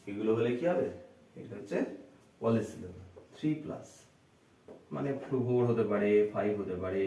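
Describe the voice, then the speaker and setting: A man teaching an English grammar lesson, breaking words slowly into syllables and answering his own questions to the class. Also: lowish voice, mellow, a little hiss or hum. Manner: asks the class questions and answers them himself. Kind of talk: classroom lecture. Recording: roomy echo, voice from a distance.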